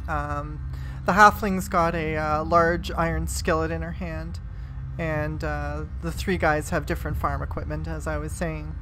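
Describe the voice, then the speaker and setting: A woman's voice: low-pitched, little pitch movement, measured pace, noisy background. A woman narrating as game master in a casual, hesitant way full of fillers.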